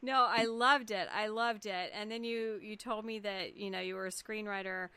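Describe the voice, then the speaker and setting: A woman's voice: medium pitch, steady tone, moderate pace, sharp tone, clean tone. A woman hosting a talk show, chatty and enthusiastic as she interviews her guest. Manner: enthusiastic, chatty, laughs often. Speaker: show host.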